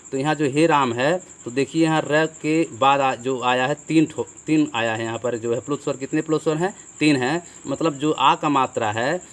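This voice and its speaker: Hindi teacher man explaining grammar. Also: medium pitch. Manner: explanatory, repeats with "ठीक है" and rhetorical questions. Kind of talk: classroom lesson on a board.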